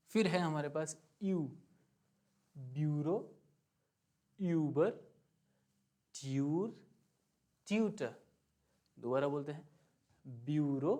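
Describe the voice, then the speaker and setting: A man teaching a beginner German lesson, slowly drilling pronunciation by repeating words, with light joking asides. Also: a little high, a little mellow. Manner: slow, patient, drills words by repeating them. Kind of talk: online language lesson.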